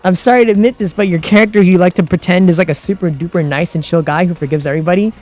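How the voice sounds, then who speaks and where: A man's voice: high-pitched, racing, a little mellow, soft background music. A man chatting casually with his stream viewers, rambling with lots of fillers and restarts, and sounding exasperated. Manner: grows heated and exasperated. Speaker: livestream host.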